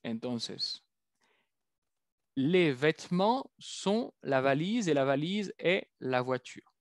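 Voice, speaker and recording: In a clean studio recording with no room sound, a man with a fairly high, sing-song voice teaches a French lesson. He carefully draws out and repeats each French word for his learners.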